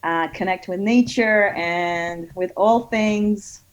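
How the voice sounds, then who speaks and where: Her voice is mid-range and she takes things slowly: a middle-aged woman from Israel, guesting on a casual podcast about her kids yoga studio. She's chatty, uses many fillers, and gets excited telling stories. The audio is dull and lo-fi.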